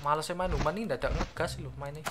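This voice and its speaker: A man's voice: on the high side, fast, noisy background. A young man with a Javanese accent hosts a gaming channel. He chats casually and playfully through his play, often repeating words in a sing-song mutter. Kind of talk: casual gameplay commentary. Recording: game music playing behind. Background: game music.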